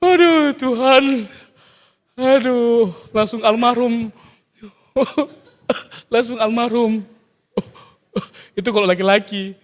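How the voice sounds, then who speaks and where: A man preaching a sermon, animated, jumping from loud exclamations to soft asides and mimicking people for laughs. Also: extremely high pitch, slow, long pauses. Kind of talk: sermon with jokes. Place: church hall. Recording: long church hall reverb.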